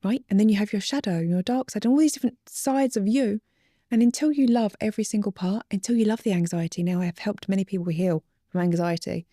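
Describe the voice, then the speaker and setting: A woman relationship coach talking as an interview guest, earnest and teaching, sometimes dropping to a soft, whispery emphasis. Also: mid-range voice, quick pace, no room sound, studio quality.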